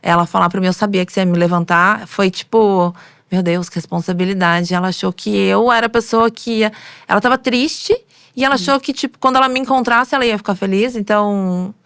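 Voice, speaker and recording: A woman's voice: medium pitch, brisk, clear, resonant tone, no room sound, studio quality. A woman, a makeup artist and hairstylist, tells stories from her work in an interview and acts out the voices of the people in them. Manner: animated storytelling, acting out quoted voices. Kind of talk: storytelling in an interview.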